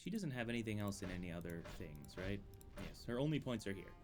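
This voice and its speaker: A man's voice: lowish voice, big pitch swings, fast talker, music in the background. A man casually commenting on his gameplay, musing and dryly amused, talking to himself at a desk microphone he sometimes leans away from. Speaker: streamer playing a game. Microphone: desk microphone, leans away at times.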